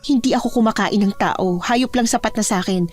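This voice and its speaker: A woman playing a gentle, pleading young aswang. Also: fairly high pitch, a little fast, natural voice. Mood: earnest. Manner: earnest, insistent.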